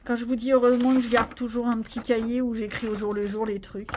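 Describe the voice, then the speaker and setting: A woman's voice: a little high, little pitch movement, quick pace, a little mellow, slight background noise. A woman vlogging casually about her coloring pages, rambling and joking at herself with lots of fillers. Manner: chatty, rambling, self-mocking, many fillers. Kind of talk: casual chat.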